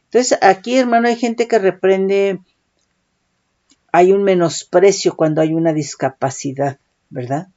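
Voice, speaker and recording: A woman's voice: mid-range voice, measured pace, dark tone. A woman preaching a sermon, often calling listeners "brother" and checking in with "right?". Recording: dull lo-fi recording.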